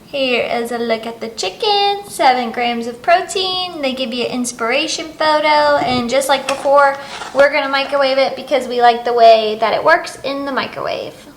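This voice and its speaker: A woman's voice: high voice, moderate pace, reverberant, a little hiss or hum, low-quality recording. A woman co-hosting a home food-tasting vlog, chatty and upbeat. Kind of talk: casual food-tasting chat.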